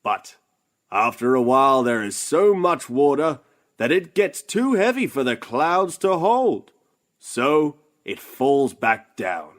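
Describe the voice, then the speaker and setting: Broad, singsong children's-theatre professor, animated and slow. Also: mid-range voice. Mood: playful teaching. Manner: broad singsong children's-theatre delivery, sounding words out slowly. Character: cheerful know-it-all professor teaching young children. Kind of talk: children's story podcast acting.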